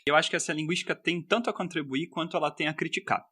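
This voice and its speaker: Brisk, bright-voiced Brazilian man explaining. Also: on the high side, husky, no echo. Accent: São Paulo interior Portuguese. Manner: explanatory, gives examples, many "né?" tags. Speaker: linguist guest. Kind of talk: podcast interview explanation.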